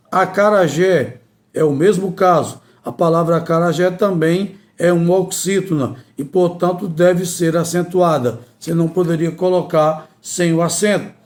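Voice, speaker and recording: A man teaching spelling rules in a slow, deliberate way, repeating each key word. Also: high-pitched, a little mellow. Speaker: Portuguese language teacher. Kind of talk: grammar lesson.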